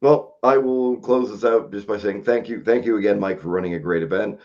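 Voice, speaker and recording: A man's voice: on the low side, a little fast, a little mellow. A man hosting a podcast, rambling casually and laughing often, poking fun at himself. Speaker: podcast host. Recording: dull lo-fi sound.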